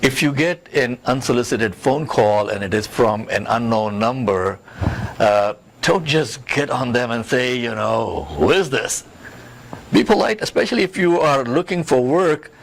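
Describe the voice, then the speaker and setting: In an interview, a career coach and job search expert gives advice in an instructive, emphatic way, repeating his key points. His mid-range voice is unhurried with lively intonation, and the background is clearly noisy.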